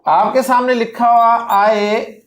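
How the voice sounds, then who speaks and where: Teacher quizzing a class, echoey room. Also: male voice, very high-pitched, steady tone, a bit bright. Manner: drills word forms slowly, quizzing the class. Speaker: Arabic grammar teacher. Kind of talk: classroom lecture.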